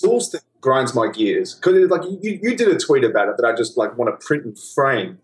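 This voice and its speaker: A man's voice: mid-range voice, big pitch swings, fairly quick. A man from Australia with an Australian accent, a podcast guest speaking candidly and with firm opinions in casual chat.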